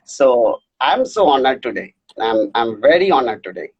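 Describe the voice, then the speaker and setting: A young man hosting a live online interview, effusive and halting, mixing English and Hindi with many hesitations. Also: medium pitch, big pitch swings, husky, lo-fi sound. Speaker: interview host.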